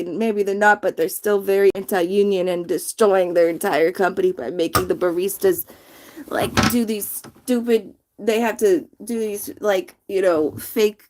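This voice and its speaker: A woman's voice: mid-range voice, slight background noise. A woman chatting casually on a late-night livestream, sleepy and yawning, rambling from one thought to the next.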